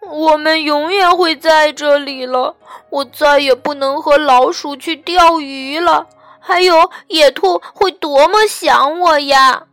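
A woman's voice: high voice, unhurried, pushed and bright, dry recording, soft background music. Woman playing a timid little bear cub. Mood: crying. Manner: tearful, pleading. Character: timid young bear cub, fearful and whiny.

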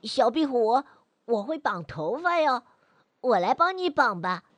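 A bold little boy, played by a woman, shouts his lines with eager pride. The voice is high and close and dry, with no room sound around it. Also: very animated, unhurried, slightly rough, dry recording, exaggerated voice. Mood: eager, boastful. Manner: eager, show-off, exclamatory. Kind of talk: children's storybook voice acting.

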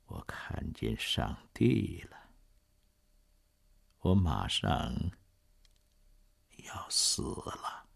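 A man's voice: on the low side, big pitch swings, clean tone, no echo, full character voice. A man doing a frail, dying old man. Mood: weak, tender. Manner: faint, slow, trembling near-whisper. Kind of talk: storybook reading.

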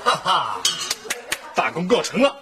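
Playful teasing husband, kinda high voice, bouncy, hissy tv sound. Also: male voice, big pitch swings, unhurried. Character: joking easygoing husband who cooks dinner. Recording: noisy TV sitcom soundtrack.

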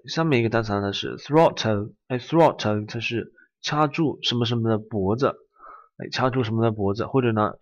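A man teaching vocabulary in a lecture, repeating each word and often opening lines with a drawn-out filler. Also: mid-range voice. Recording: dull lo-fi recording.

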